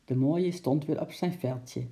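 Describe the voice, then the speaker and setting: A narrator reads a children's story aloud with lively storytelling flair, giving each character a voice of his own. His voice sits a little high and he takes his time.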